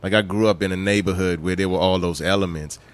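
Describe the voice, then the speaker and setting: Guy from the bahamas telling stories, kinda low voice, does the voices and laughs a lot. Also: quick pace. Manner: animated, laughing, acts out voices. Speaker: guest. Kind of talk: casual storytelling chat.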